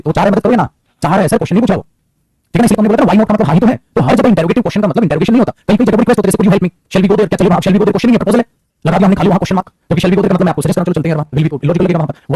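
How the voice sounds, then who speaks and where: Fast-talking male teacher, husky dark voice, dry close sound. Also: fairly high pitch, no room sound. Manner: rapid, animated, addresses students as beta. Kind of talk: classroom grammar lecture.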